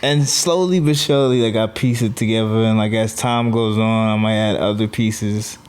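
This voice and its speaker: A man guesting on a podcast as a comedian, telling stories in a relaxed way with lots of "like" fillers. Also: on the low side, normal speed, clear, resonant tone. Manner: easygoing storyteller, lots of "like" fillers. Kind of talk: casual podcast chat.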